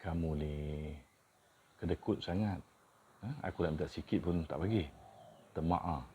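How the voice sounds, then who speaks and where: A man teaches in an informal, explanatory way. His voice is low and mellow, and he takes his time, repeating words alongside their meanings. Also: unhurried, a little hiss or hum. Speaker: teacher of Kedah dialect words. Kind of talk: informal dialect lesson with example sentences.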